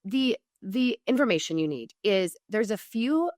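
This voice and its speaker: Speaking at a measured pace, a woman with a medium-pitched, darkish voice and lively intonation offers business advice as a podcast guest. She's American, from Oregon, and the talk is a conversational interview and informal coaching, peppered with emphatic asides and self-interruptions; the studio-quality audio has no room sound.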